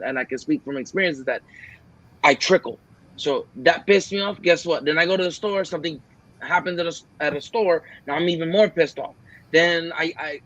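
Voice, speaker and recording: A man's voice: a little high, a bit bright, dull audio. A man co-hosting a podcast, talking in an earnest, rambling way and acting out his own quoted lines. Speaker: podcast co-host. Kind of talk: casual podcast chat.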